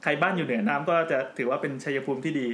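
A man's voice: a little high, racing. A man hosting a podcast in casual chat, joking as he explains at length. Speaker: podcast host. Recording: roomy with faint background noise.

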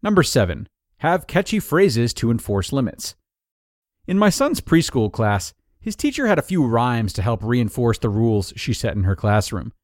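A man narrating an article of numbered tips in a clear, even, scripted read-aloud delivery. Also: mid-range voice, normal speed, dry recording, studio quality.

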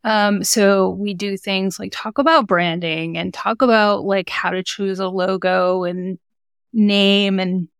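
A woman's voice: mid-range voice, steady tone, slow, clean tone, dry recording, studio quality. A woman speaking as a guest in a podcast interview, explaining her coaching work for mothers in an earnest, encouraging way. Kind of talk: conversational interview.

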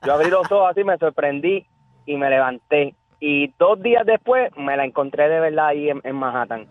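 A man's voice: on the high side, lively intonation, normal speed, dry recording. A man calls in to a radio show and earnestly tells a story, stumbling and repeating his words. His voice sounds thin and dry through a tinny phone line. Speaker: radio caller. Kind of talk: telling an anecdote on the phone.

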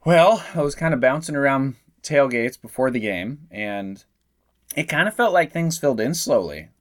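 A man's voice: mid-range voice, animated, moderate pace, dry recording, clean studio sound. Chatty, upbeat podcast co-host man. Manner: chatty and enthusiastic. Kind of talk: casual sports podcast chat.

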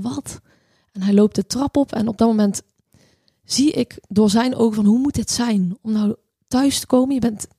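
A woman in her thirties telling a personal story in a halting, reflective way, with many restarts and fillers. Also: a little high, gravelly, warm tone, husky, no echo, clean studio sound.

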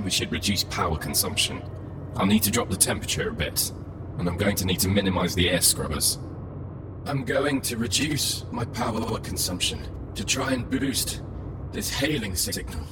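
An actor playing an aggrieved, shaken spaceship AI in a science fiction audio drama, speaking emotionally and hesitantly like a person. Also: male voice, fairly low pitch, normal speed, natural voice. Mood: subdued, practical. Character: aggrieved, shaken male spaceship AI, century-old and humanlike. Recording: loud music under the voice. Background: loud music.

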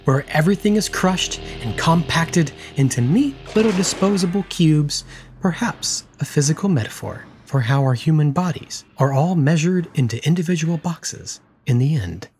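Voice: medium pitch, animated, normal speed, a little mellow, a little hiss or hum. A podcast co-host in their thirties reading a wry, dramatic film recap between stretches of casual chat. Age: 30s. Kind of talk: scripted narration mixed with casual chat.

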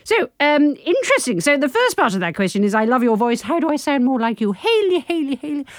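A woman's voice: sits high, big pitch swings, brisk, no room sound, studio quality. A British woman hosting a comedy show in playful casual chat, with teasing asides and lots of tag questions. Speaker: comedy podcast host.

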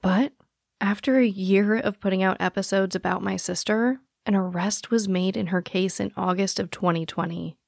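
A woman's voice: medium pitch, fairly even intonation, moderate pace, gravelly, no room sound, clean studio sound. A woman hosting a podcast, reading scripted narration in an informal way, speaking directly to the listener. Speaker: podcast host.

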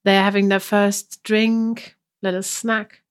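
Speaking slowly at a medium pitch with a level tone, this woman co-hosts a podcast despite a sniffly cold. She keeps the chat casual and chatty, laughs a lot, and often lets sentences trail off.

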